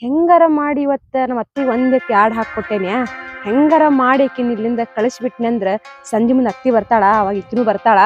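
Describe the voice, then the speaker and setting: A woman's voice: a little high, dull audio. A woman with a North Karnataka accent acting a complaining young wife in a village comedy skit, whining and then plotting in asides. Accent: North Karnataka Kannada.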